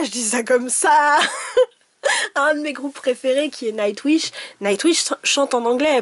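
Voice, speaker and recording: Bubbly woman with a high voice, a card-reading vlogger, chatty and giggly, recorded dry and close. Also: dry recording. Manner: chatty, giggly, with many fillers and restarts. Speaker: tarot and oracle card reader. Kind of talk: casual chat to camera.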